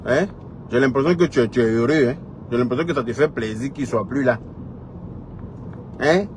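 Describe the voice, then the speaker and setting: A man with an Ivorian French accent, working as a social media commentator, scolds his audience in a heated direct-address rant packed with repetition and rhetorical questions. He speaks at medium pitch and moderate pace, with slight background noise.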